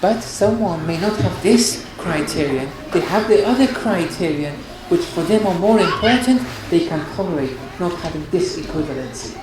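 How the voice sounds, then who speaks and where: A woman's voice: fairly low pitch, lively intonation, normal speed, few pauses. A woman giving an earnest religious lecture on marriage, counselling her listeners and often restarting her phrases. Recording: very echoey hall with noise.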